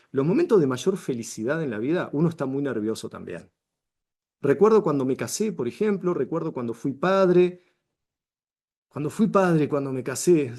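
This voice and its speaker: A man's voice: medium pitch, darkish tone. A middle-aged man with a Rioplatense Spanish accent, teaching a public speaking workshop to camera, emphatic and full of rhetorical questions. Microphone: camera he controls with arm signals.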